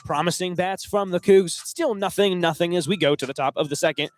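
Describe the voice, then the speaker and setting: A man's voice: high voice, brisk, no echo. Young man calling college baseball play-by-play. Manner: excitable, voice climbs on big plays. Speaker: play-by-play announcer.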